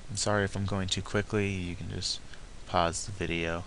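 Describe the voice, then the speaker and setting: A man narrating a software tutorial step by step, haltingly talking through each action as he does it. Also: sits low, flat delivery, gravelly, slight background noise. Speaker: tutorial presenter.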